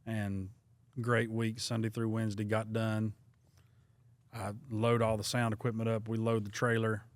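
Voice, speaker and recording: Excitable pastor telling a story. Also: male voice, fairly low pitch, a little slow, dry recording. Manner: self-deprecating, excitable retelling. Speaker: pastor and podcast host. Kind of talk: casual storytelling.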